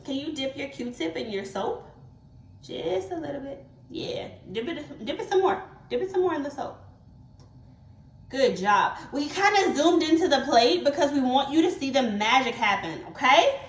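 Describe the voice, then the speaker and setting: Woman, high swooping voice, kids' science host, encouraging and exclamatory, echoey room. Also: moderate pace. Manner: excited, encouraging talk to a young child, with gasps and exclamations. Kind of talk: kids' educational demonstration to camera.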